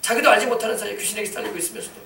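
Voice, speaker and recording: A man preaching a sermon as pastor of a church, emphatic, breaking into shouted commands. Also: sits high, very fast, creaky, roomy sound, recorded from a distance, slight background noise.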